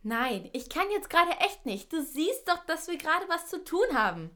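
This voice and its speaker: A woman voicing a busy, caring kindergarten teacher in a children's audio drama, brisk and practical. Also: extremely high pitch, sing-song, fairly bright tone, heavily acted.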